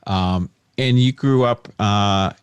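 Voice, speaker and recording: A man interviewing a guest, with short agreeable interjections and relaxed questions. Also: lowish voice, slow, clear, resonant tone, no echo. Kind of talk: casual interview chat.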